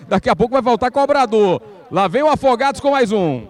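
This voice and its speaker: A man's voice: very high voice, animated, brisk. A Brazilian man commentating on live football, analysing each penalty kick.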